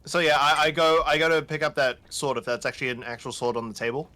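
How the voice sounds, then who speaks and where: Man, bright forceful voice, slightly high, goofy player, casual game chat. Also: fast. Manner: playful and goofy. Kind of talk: casual tabletop play.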